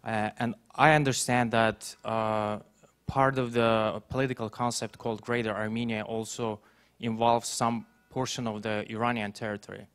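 Audience journalist, man, low monotone, smooth, halting. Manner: halting, frequent uh fillers. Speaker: journalist asking a question. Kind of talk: audience question.

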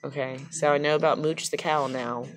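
Low-voiced woman, joking and affectionate. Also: fairly even intonation, a little fast, soft background music. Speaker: patient's relative filming at the bedside. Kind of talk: casual teasing chat. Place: hospital recovery room, indoors. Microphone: handheld phone. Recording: phone recording with background chatter.

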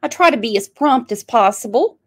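A woman's voice: on the high side, animated, fairly quick, slightly rough. A middle-aged woman, hosting a live-stream chat in a chatty, playful way and tossing out exclamations. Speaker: host of a live true-crime channel.

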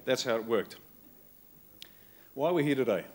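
An Australian man delivers a political keynote to a live conference crowd, using short, punchy lines that are blunt and wry. His mid-range voice has a darkish tone, and he is expressive at a moderate pace.

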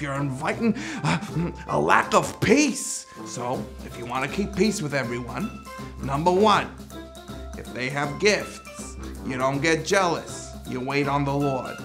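An excitable old apostle in a children's comedy monologue, acted by a man. He scolds in a fatherly way, piling up rhetorical questions. His pitch is very animated, with some creak in the voice. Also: a little slow, music in the background. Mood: exasperated. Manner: chiding, rhetorical questions, nervous chuckles. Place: studio, costumed before a cartoon backdrop.

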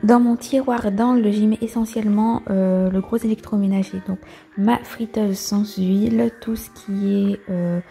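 A woman's voice: mid-range voice, fairly even intonation, unhurried, gravelly, dark tone. A young woman narrating her cleaning video in a casual voice-over, chatty and full of hesitations as she shares tips. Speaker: cleaning vlogger. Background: background music.

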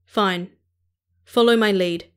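A woman plays a steady Martian first officer, level-headed and a little dry. He speaks in a plain middle register, as an audiobook side character. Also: medium pitch, slow pace, clean tone, close to an everyday voice.

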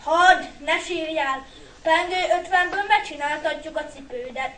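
A woman's voice: high-pitched, pushed and bright. A woman reading a story aloud and voicing a hot-tempered older boy who snaps and bosses his little brother. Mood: coaxing. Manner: snapping, bossy. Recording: echoey hall from far off.

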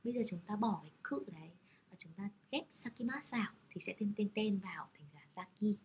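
A woman's voice: mid-range voice, expressive, fast talker, slight background noise. A woman teaching Japanese characters, explaining patiently in a friendly, step-by-step way. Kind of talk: explaining lesson over slides.

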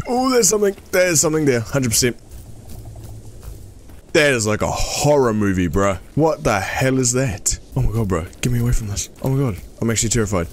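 A young man giving casual gameplay commentary, excitable and laughing often, peppering his talk with "bro". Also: mid-range voice, moderate pace. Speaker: gamer.

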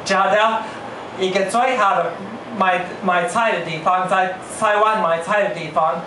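An older man with a foreign, non-native Mandarin accent doing stand-up comedy in a halting, word-repeating way. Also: sits high, fairly even intonation. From Western country. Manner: halting, repeating words as they search for phrasing. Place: small comedy bar, indoors. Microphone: handheld stage mic, heard through distant camera. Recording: echoey, noisy bar recorded from far off.

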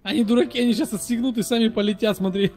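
A man in casual gameplay chat, reacting in an animated, slangy, giggly way to the action. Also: extremely high pitch, fast talker. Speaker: gamer playing alongside a friend.

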